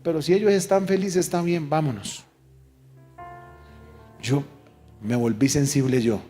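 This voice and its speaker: Pastor, man, fairly high voice, emphatic pulpit delivery, faint music under. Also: measured pace. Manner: emphatic, animated preaching with call-and-response. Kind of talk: sermon. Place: church service.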